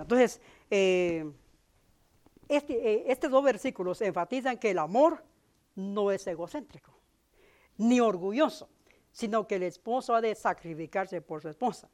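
A middle-aged man preaching a sermon as a pastor, talking conversationally and turning to the congregation with little tag questions. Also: high voice.

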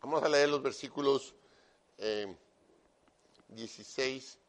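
A man preaching a sermon loudly and emphatically, with joking asides and frequent direct address to his listener. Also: mid-range voice, takes it slowly. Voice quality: loud, emphatic delivery.

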